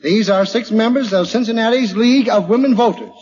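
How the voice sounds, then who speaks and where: High-voiced American radio quiz host. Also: male voice, fairly quick, a little mellow, slightly rough. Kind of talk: 1940s radio quiz show hosting. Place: large hall at a live radio broadcast. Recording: dull old radio recording, hall reverb, hiss.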